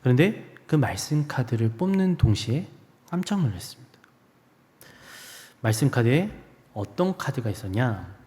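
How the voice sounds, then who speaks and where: A man preaching a sermon as a guest preacher, telling a personal story and acting out his own inner voice, swinging from loud to hushed. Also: medium pitch, big pitch swings, normal speed, pauses often. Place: church sanctuary. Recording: preached in a church hall with long reverb.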